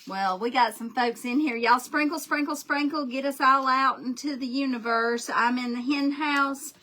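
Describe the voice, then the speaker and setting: A woman's voice: sits high, moderate pace, pushed and bright. Chatty woman hosting a craft livestream. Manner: chatty, folksy, greets viewers by name. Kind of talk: casual livestream chat while painting.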